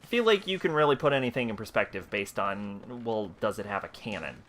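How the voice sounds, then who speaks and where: A man's voice: fairly low pitch, lively intonation, fairly quick, fairly bright tone, a little hiss or hum. A man giving casual, profane commentary while playing a video game on stream. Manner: swearing, self-mocking. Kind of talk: gameplay commentary. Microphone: headset.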